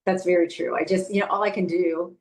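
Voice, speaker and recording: A woman's voice: lowish voice, fairly even intonation, brisk, distant mic, low-quality recording. A middle-aged woman guest in a conversational interview, telling earnest stories with many fillers. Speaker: guest, ministry leader.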